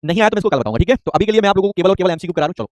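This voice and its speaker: A young man teaching an online chemistry class, rapidly repeating points and firing quick questions at students. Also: high voice, animated, no room sound, clean studio sound.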